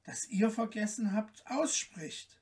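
A reader voicing a lonely, sad enchanted owl princess in a storybook tale, speaking softly and slowly. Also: medium pitch, far from the mic, natural voice. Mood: hushed. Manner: soft and subdued, slow and mournful.

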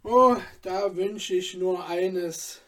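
A man reading a storybook aloud, voicing a kind-hearted poor boy in a soft, earnest, sighing manner. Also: sits high, extremely slow, exaggerated voice.

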